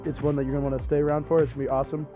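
A man's voice: a little high, level tone, racing, soft background music. A young man chatting casually as a podcast guest, with slangy, informal phrasing. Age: young adult. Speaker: podcast guest, film student. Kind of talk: casual chat. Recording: muffled phone-like audio.

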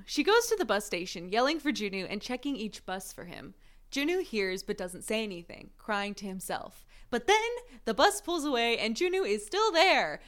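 A woman's voice: on the high side, big pitch swings, moderate pace, a bit bright. A woman co-hosting a casual podcast, reading out a plot recap and often breaking into giggles. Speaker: podcast co-host recapping a drama.

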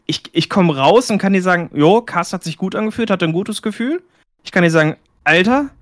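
Slightly high-voiced male caster, dry. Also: expressive, a little fast, no echo. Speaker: esports caster. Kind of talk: casual podcast chat.

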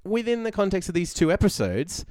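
A man's voice: high-pitched, very animated, brisk, darkish tone, no echo, clean studio sound. An Australian man co-hosting a podcast in a casual recap chat, bantering in informal, slangy language. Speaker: podcast co-host.

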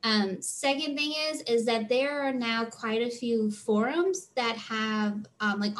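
The audio is poor in this clip of a woman with a somewhat high voice. She's a freelance theater tour manager, fielding interview questions in an earnest, talkative way peppered with fillers.

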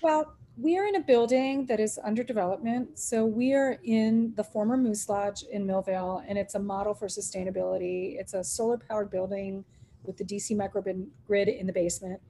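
A woman's voice: medium pitch, fairly even intonation, fairly quick, mellow, slight background noise. A middle-aged woman who owns a restaurant, telling stories in an interview, acting out quoted dialogue and laughing often. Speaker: restaurant owner. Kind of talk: animated storytelling in an interview.

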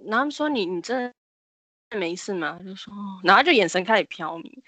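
Lively woman telling a story, dry close sound. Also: mid-range voice, fast, dry recording. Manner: animated storyteller, acts out the people she quotes with sudden shrieks. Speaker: podcast co-host telling a ghost story. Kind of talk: casual storytelling chat.

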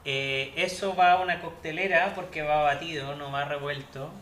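Mixing cocktails on his laid-back show, a young host with a Chilean Spanish accent explains the recipe between crude jokes. He speaks at a moderate pace with a slightly high, fairly bright voice and fairly even intonation, over a little background noise.

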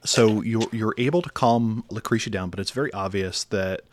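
A man's voice: fairly low pitch, normal speed, a little hiss or hum. A man narrating a tabletop game as game master in a descriptive, thoughtful way. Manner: descriptive, thoughtful, with frequent fillers.

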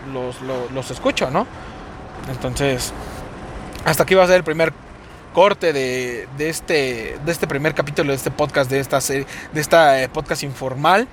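A man's voice: fairly high pitch, a bit bright. A young man with a Mexico City accent, rambling and cursing casually through a solo podcast while driving his car. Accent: Mexico City Spanish. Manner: rambling, profane, sing-song delivery. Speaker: podcast host. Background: car and road noise.

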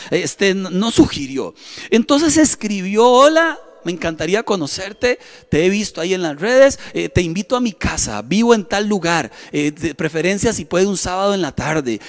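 High-voiced Costa Rican pastor preaching. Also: male voice. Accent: Costa Rican Spanish. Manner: storytelling, repeats phrases, acts out inner voices. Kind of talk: sermon.

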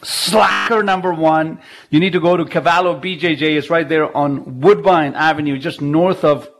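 Male radio host, high-pitched, casual and jokey, broadcasting from home. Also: fairly even intonation, normal speed. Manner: chatty, jokey, laughs often. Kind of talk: casual live radio talk. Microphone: video call.

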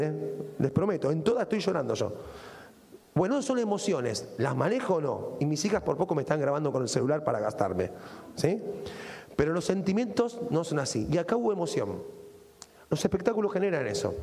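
A man's voice: a little high, darkish tone, big-room sound. A middle-aged man with an Argentine accent preaching a sermon, often asking the congregation rhetorical questions. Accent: Argentine Spanish. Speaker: pastor.

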